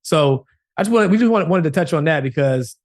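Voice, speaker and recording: A man's voice: on the high side, lively intonation, a little fast. A man co-hosting a podcast, talking emphatically and often asking "right?" as he makes his point. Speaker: podcast co-host. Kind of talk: casual podcast chat.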